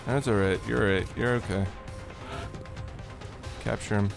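A man with a low, gravelly voice and an unhurried pace talks through a game as he plays. He chats casually, thinks out loud and laughs often. Game music runs clearly under his desk mic. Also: fairly even intonation. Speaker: gaming channel host. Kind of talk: casual let's-play commentary. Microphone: desk mic on a stand.

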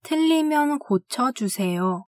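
A woman teaching language, reading classroom phrases slowly and carefully and saying each one twice. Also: high voice, expressive, darkish tone, no echo, studio quality. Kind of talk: scripted phrase drill.

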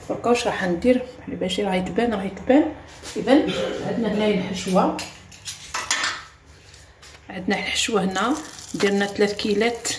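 A woman with an Algerian Arabic accent hosting a home cooking tutorial. She talks step by step as she works and keeps repeating short cues. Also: mid-range voice. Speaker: cooking channel host. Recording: echoey room with faint ambient noise.

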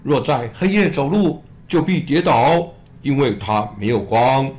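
A man voicing a calm, solemn male teacher in a children's Bible story, in a slightly lower voice. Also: measured pace, natural voice.

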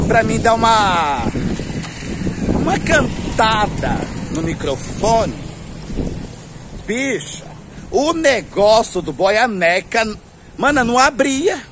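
Flamboyant high-voiced gossipy Brazilian man. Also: background noise. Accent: Brazilian Portuguese. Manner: flamboyant, gossipy, laughing often, lots of slang address. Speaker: vlogger. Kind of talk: casual storytelling to camera. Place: outdoors on a street.

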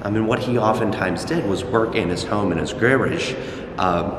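A young man chatting casually as a vlog companion, joking and telling deadpan tall tales like a mock tour guide. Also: on the low side, moderate pace. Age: young adult. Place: large hotel lobby, indoors. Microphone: camera held by companion, some distance away. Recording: echoey, reverberant lobby with background noise.

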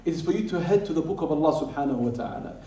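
A man's voice: a little high, animated, rapid-fire, mellow. A man giving an Islamic lecture to a live audience, emphatic, repeating key phrases and asking rhetorical questions. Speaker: Islamic teacher. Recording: roomy hall, speaker far from the mic.

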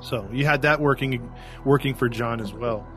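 A man's voice: mid-range voice, normal speed, a bit bright, soft background music. A man co-hosting a true-crime podcast, telling the case in a chatty, rambling way with many restarts. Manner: chatty storyteller, fillers and restarts. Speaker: podcast co-host. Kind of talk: casual true-crime chat.

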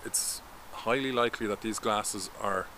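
The speaker is a man in his thirties, a vision coach, explaining step by step in a steady, instructive manner for a talking-head vlog. He records outdoors in a garden, camera held at arm's length. His voice is lowish and moderately paced, and the background is noisy.

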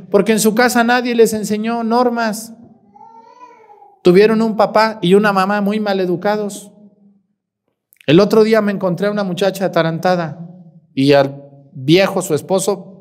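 Mexican priest preaching a lively homily. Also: male voice. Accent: Mexican Spanish. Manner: storytelling, asking the congregation questions, quoting people in dialogue; pitch and loudness swing widely as he acts out quotes. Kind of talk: homily to a parish.

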